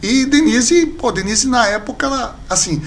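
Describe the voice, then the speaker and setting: A man, a pastor and podcast guest, telling a personal story in casual conversation, lively and acting out the people he quotes. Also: extremely high pitch, moderate pace, slight background noise. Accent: Brazilian Portuguese. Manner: animated storyteller, acts out quoted dialogue.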